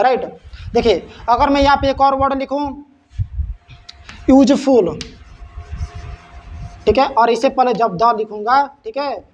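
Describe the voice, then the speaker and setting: A male English teacher with a Hindi accent who gives a lesson. He keeps checking in with his students and asks questions that he then answers himself. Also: very high-pitched. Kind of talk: classroom-style lesson. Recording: slightly dull sound with faint noise.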